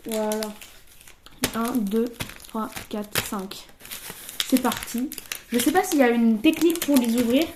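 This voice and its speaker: A young woman streaming from a table at home, chatting casually while opening card packs and slipping into halting English. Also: fairly high pitch, noisy background. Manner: chatty, thinking aloud, switching into halting English.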